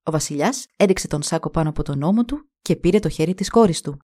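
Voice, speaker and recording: Woman narrating a fairy tale. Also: low-pitched. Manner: expressive, voices every character. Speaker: storyteller.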